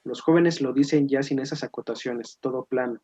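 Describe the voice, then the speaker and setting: A man moderating a talk, reading audience questions aloud in a plain, measured way. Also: medium pitch, fairly even intonation, warm tone, slightly rough. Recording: dull muffled online talk audio.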